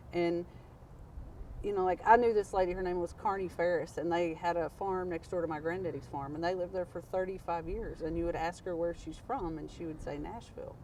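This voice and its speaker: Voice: medium pitch, a little mellow, far from the mic, slight background noise, rough recording. A speaker from Tennessee with a Southern accent, telling rambling stories in casual chat. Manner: rambling, anecdotal, many "like" fillers. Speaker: interviewee, local.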